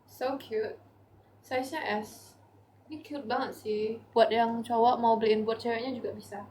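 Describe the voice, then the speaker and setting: A woman's voice: fairly high pitch, fairly even intonation, a little slow, mellow, a little hiss or hum. A young Indonesian woman selling clothes on a live stream, chatty and tired, pleading with viewers for likes and gifts. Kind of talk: casual live-selling chat.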